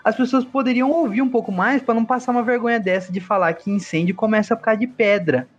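A man's voice: high voice, steady tone, fast, husky. A young Brazilian man hosting a podcast, telling stories in casual, slangy chat with lots of animation. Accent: Brazilian Portuguese. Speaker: podcast host. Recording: dull lo-fi sound with faint music.

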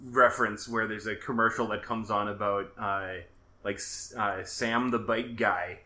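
A man from Minnesota hosts a casual podcast chat with a bright, forward tone. He talks chattily, full of quick asides and self-corrections. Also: lowish voice, fairly even intonation. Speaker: podcast host.

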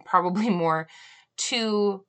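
A young woman hosting a solo podcast, talking earnestly and reflectively, often pausing on "um" and asking "right?", with an occasional cough. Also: medium pitch. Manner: earnest, musing, frequent "um" and "right?". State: coughing now and then. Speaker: podcast host.

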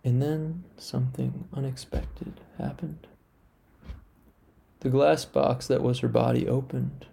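A man telling an absurd first-person story in a deadpan, mock-solemn way. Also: medium pitch, slow, gravelly, breathy edge.

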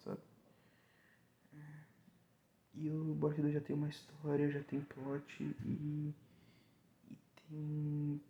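A young Brazilian man whose hoarse voice is giving out, rambling casually and informally as a solo podcast host. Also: a little high, a little mellow, slight background noise. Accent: Brazilian Portuguese. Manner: informal, slangy, digressive.

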